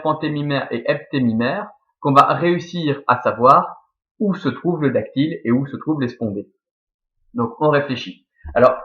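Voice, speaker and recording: A Belgian French-accented man talks a class through a lesson at a middle pitch, reasoning aloud one step at a time. He fills pauses with frequent "euh" and "bon" as he works things out. The recording is dull and lo-fi. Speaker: teacher. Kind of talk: explaining Latin verse scansion.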